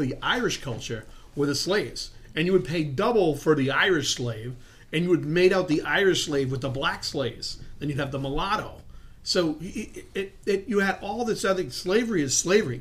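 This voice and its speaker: A man's voice: fairly high pitch, animated, brisk. A man in casual chat, arguing his point insistently and filling with "you know". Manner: argumentative, leans on "you know".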